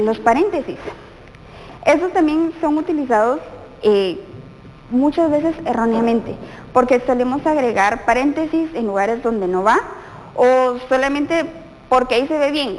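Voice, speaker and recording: A woman with a Guatemalan Spanish accent teaches a televised lesson in a bright, high voice, acting out sample phrases to show how they sound. Her voice carries a long reverb with faint background noise. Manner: explanatory, acts out example exclamations.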